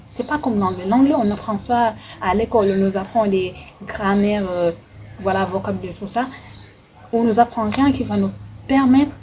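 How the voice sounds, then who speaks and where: A woman's voice: medium pitch, mellow, a little hiss or hum, low-quality recording. A young woman, delivering an impassioned opinion monologue to her followers, indignant and repeating herself for emphasis. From Senegal. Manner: indignant, repetitive, heavy use of "en fait". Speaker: vlogger.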